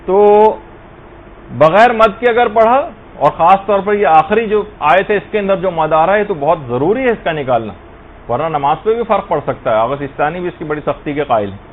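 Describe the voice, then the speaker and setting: A man's voice: high voice, animated, phone-quality sound, a little hiss or hum. A man giving a patient, step-by-step religious lesson with examples. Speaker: religious teacher.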